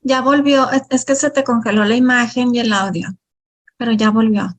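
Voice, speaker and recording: A woman's voice: fairly high pitch, fairly even intonation, moderate pace. A woman moderating an online session over a video call, giving short, helpful technical remarks.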